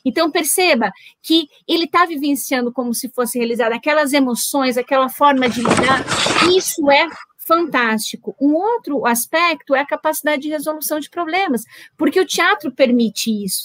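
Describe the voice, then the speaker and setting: A woman's voice: sits high, moderate pace, a bit bright, no room sound. A woman professor with a Brazilian Portuguese accent commenting at an online seminar, speaking to the audience in an engaging way. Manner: engaging, addresses audience as "gente".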